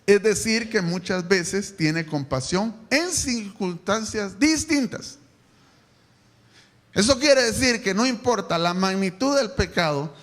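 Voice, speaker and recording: A man preaching a sermon to his congregation, animated, asking them questions and bursting into shouts. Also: high voice. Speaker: pastor. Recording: echoey church hall, live stream.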